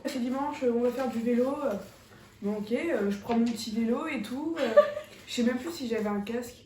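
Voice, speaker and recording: A woman's voice: fairly high pitch, normal speed, dark tone, recorded from a distance, a little hiss or hum. A woman chatting casually over a meal, rambling through anecdotes with lots of fillers. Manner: rambling storytelling with many fillers. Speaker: vlogger's sister, co-host. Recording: echoey room, a bit off mic.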